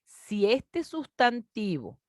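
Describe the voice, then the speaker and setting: A woman teacher, patiently explaining a grade-school grammar lesson and stretching out example words slowly. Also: a little high, big pitch swings, no room sound, studio quality. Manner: patient, explanatory, addresses children warmly as "mis niños".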